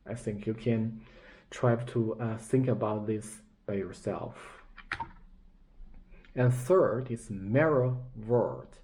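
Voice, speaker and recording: A man's voice: lowish voice, slow pace, warm tone, slight background noise. A man with a Chinese accent teaching a language lesson in English, patiently repeating example words. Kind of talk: slow explanatory lesson.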